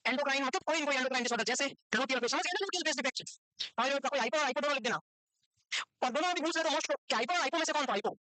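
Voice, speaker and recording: A woman with a high, sharp voice talks at a racing pace, with no room sound in the recording. She's teaching a nursing exam class, quizzing her students and scolding them when they don't know the answers, in the style of a classroom lecture.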